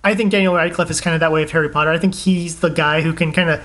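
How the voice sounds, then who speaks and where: High-voiced excitable young man chatting. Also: very fast. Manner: rambling, excitable, laughs often. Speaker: podcast co-host. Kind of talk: casual chat about games and movies.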